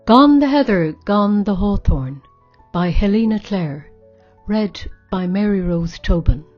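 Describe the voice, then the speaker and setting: A woman's voice: mid-range voice, animated, a little slow, a little mellow. A woman reading a scripted story summary as narration. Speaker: reader, writing group member. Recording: slightly dull sound, faint music.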